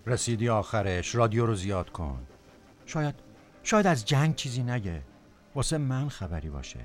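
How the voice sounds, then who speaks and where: A man's voice: medium pitch, big pitch swings, close to an everyday voice. A man playing an anguished, irritable passenger haunted by guilt, speaking in terse repetitions in a poetic audio drama. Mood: weary.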